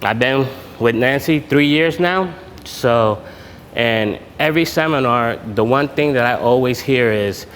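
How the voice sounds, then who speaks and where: A lower-voiced man speaks informally to a room, often pausing on filler sounds and restarting his sentences. His voice carries the long echo of a hall, with faint background noise. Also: fairly bright tone. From Puerto Rico. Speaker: military veteran speaking at a networking event. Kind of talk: informal public talk. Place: event room.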